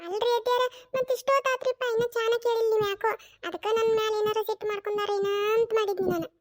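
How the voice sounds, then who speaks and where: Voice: very high-pitched, fairly even intonation, fast talker. A performer voicing an insistent young daughter-in-law in a cartoon, coaxing and pleading with a North Karnataka Kannada accent. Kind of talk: cartoon voice acting.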